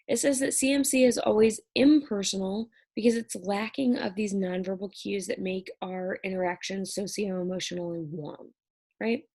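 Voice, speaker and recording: Woman with gravelly voice reviewing lecture. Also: mid-range voice. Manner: conversational, checks in with "right?" often. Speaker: instructor.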